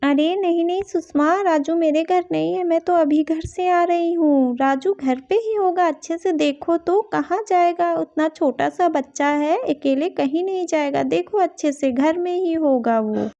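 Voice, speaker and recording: A woman voicing a calm elder sister figure in a doll story, scolding and reassuring. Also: very high-pitched, a little slow, hardly any pauses, lo-fi sound.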